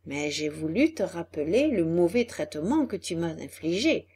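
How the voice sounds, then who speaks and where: A woman doing a calm, lecturing talking cricket. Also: fairly low pitch, moderate pace, breathy edge, voice pushed down. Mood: stern. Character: small wise male talking cricket, stern.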